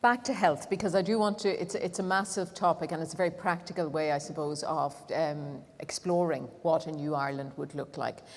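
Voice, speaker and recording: A woman's voice: low voice, fairly even intonation, brisk, few pauses. A woman moderating a panel discussion, asking probing questions with hesitant restarts. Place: event hall. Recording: long hall reverb.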